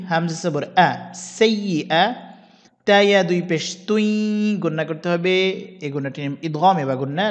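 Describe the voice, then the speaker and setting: A man teaching Quran recitation, patiently spelling out each syllable and reciting verses slowly and drawn out. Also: sits high. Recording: long reverb.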